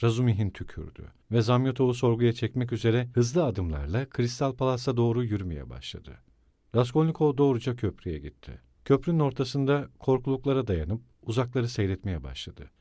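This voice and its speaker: Calm male audiobook narrator. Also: medium pitch, a little fast, dry recording, clean studio sound. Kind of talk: scripted narration of a classic novel.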